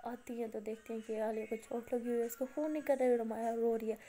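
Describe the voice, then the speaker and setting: High-voiced Indian woman telling a story. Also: flat delivery, fast talker, warm tone, a little hiss or hum. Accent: Hindi-Urdu speaking, Indian. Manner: breathless, chatty retelling, voicing characters' lines with rising pitch. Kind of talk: casual spoken storytelling with acted dialogue.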